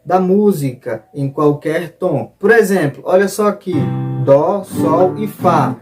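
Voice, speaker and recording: A man's voice: sits high, slow. A man teaching guitar step by step in an online lesson, now and then singing short examples. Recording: soft guitar behind the voice.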